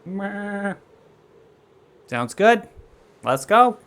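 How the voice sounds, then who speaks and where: A man's voice: high voice, very animated, very slow, a bit bright, voice pushed up, exaggerated voice. A man voicing a large, food-minded female goat in a bleating goat voice, speaking in short replies. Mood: agreeable bleating.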